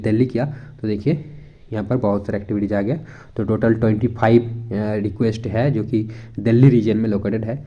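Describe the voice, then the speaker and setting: Mellow-voiced young man explaining casually. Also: lowish voice. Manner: chatty, thinking aloud with fillers and Hindi-English mixing. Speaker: education YouTuber. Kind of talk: casual screen walkthrough.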